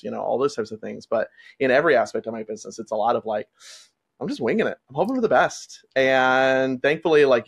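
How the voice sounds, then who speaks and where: Gravelly-voiced male wedding photographer chatting. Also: mid-range voice. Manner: relaxed, rambling, lots of "like". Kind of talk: casual conversation.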